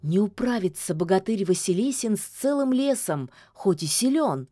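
A woman narrating a fairy tale in a calm, folksy storytelling manner. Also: medium pitch, moderate pace, no echo, clean studio sound.

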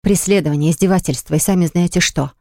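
A woman's voice: fairly low pitch, steady tone, fast talker, a little mellow, dry recording, clean studio sound, close to an everyday voice. A woman voicing an indignant young woman baker who speaks in a shaky, upset voice.

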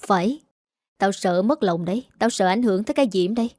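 A woman's voice: medium pitch, fairly quick, darkish tone, no echo, clean studio sound, natural voice. A woman voicing a harsh middle-aged aunt who scolds coarsely and shrilly. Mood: furious scolding.

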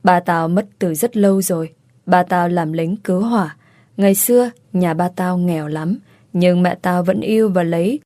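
A woman's voice: lowish voice, normal speed, warm tone, no echo, close to an everyday voice. A woman voicing a blunt, loyal young woman friend who talks brash and teasing, with crude slang. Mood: somber.

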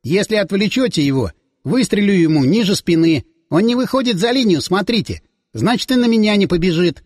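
A man's voice: high voice, animated, brisk, darkish tone, no echo, clean studio sound, pitched above the performer's own voice. Nervous young crossbowman, voiced by a male narrator. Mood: eager. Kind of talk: audiobook character voice.

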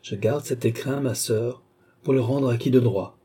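A man reading an audiobook, voicing a stern and ceremonious young nobleman in a solemn, measured way. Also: medium pitch, mellow, husky. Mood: grave.

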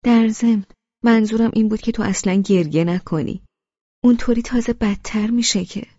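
A woman voicing a gentle, teasing young husband in an audiobook, calm and reasoning, in a dull lo-fi recording. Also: a little high, long reverb tail, pitched above the performer's own voice, close to an everyday voice. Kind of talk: audiobook character reading.

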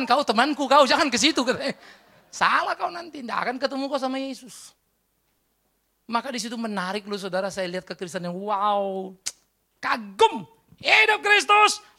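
Speaking at medium pitch, a woman delivers a church sermon that shifts from booming to hushed. She peppers the congregation with rhetorical questions and bursts of emphatic exclamation.

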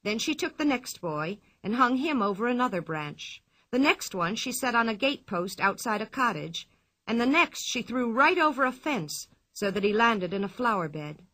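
Bright-voiced woman reading a storybook. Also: on the high side. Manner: clear, expressive, measured storytelling. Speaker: narrator.

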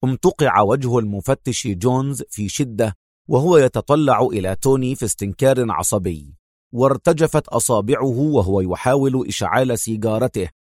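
A man narrating a crime thriller audiobook in a steady, measured storytelling voice. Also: medium pitch, no echo, studio quality.

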